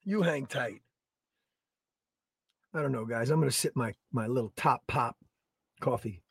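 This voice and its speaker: A man, co-hosting a podcast in energetic, rambling casual chat. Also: medium pitch, unhurried, vocal fry, husky, no echo, studio quality. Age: 30s. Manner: energetic, rambling, plugs products. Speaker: podcast co-host.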